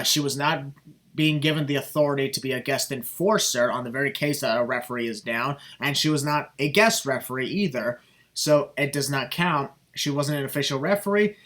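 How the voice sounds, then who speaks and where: Heated young man with a bright voice. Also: medium pitch. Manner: heated, swears freely, many fillers. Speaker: podcast host. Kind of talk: casual podcast chat.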